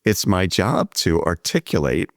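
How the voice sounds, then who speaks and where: A man hosting a podcast conversation, speaking in a measured, reflective way and explaining his ideas at length. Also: low-pitched, big pitch swings, dry recording, clean studio sound. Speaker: podcast host. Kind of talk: conversational interview.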